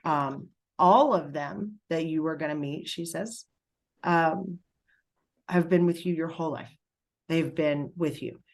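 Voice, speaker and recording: Middle-aged female medium, low voice, halting and emotional, lots of pauses. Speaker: spiritual medium. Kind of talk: spiritual reading session.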